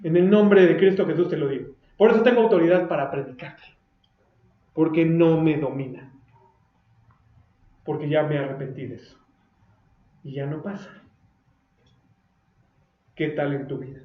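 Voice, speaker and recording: A pastor with a Mexican accent preaching a fiery, confrontational sermon with mocking asides, recorded for video. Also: male voice, on the high side, moderate pace, long pauses. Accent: Mexican Spanish. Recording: roomy echo, dull lo-fi sound.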